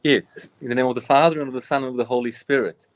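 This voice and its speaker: A man of about forty speaks earnestly as a priest, circling back and restarting his thoughts. His voice sits at an ordinary middle pitch. The sound is close and dry, with no room around it. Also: steady tone, quick pace, no echo. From Bosnia. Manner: earnest and reflective, frequent restarts. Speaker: Orthodox priest, guest. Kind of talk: personal storytelling in interview.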